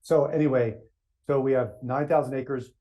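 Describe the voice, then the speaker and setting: A man talking as a podcast guest, telling energetic stories and laughing often. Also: mid-range voice, moderate pace. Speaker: floral greens sales executive guest. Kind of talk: casual podcast chat, storytelling.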